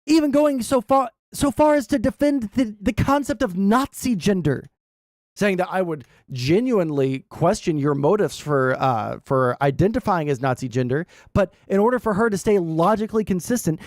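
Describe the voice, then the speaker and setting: A man with a high-pitched, animated, slightly mellow voice hosts a casual gaming livestream, recorded in studio quality with no echo. He rambles bluntly and swears a lot, giving halting explanations and checking in with "right?" over and over.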